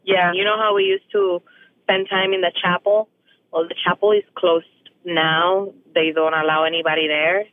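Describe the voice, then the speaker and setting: A woman talking over the phone about family worries, anxious and rambling, often halting mid-sentence. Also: fairly low pitch, little pitch movement. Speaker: interviewee, family member. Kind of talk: emotional phone conversation. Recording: tinny phone line.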